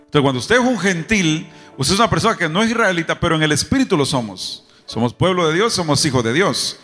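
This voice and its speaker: A man's voice: fairly high pitch, animated, fast, a bit bright. Fervent preacher man in a hall. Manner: rhetorical questions and call-and-response with the congregation. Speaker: pastor. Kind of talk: sermon. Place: church service. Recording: long reverb, faint music behind.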